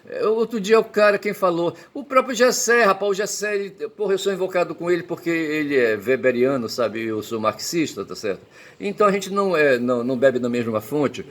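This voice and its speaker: A man's voice: a little high, animated, fairly quick. A man from Belém, rambling through a personal monologue, cursing often and tagging nearly every phrase with a question. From Belém, Pará, Brazil. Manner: peppers speech with tag questions; profane, emphatic outbursts. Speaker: commentator.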